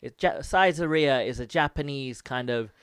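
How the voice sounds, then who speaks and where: A man's voice: mid-range voice, moderate pace, a bit bright, clear, resonant tone, dry recording, studio quality. An English man co-hosting a podcast, bantering in a joking, self-deprecating way. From England. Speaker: podcast co-host. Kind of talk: casual podcast chat.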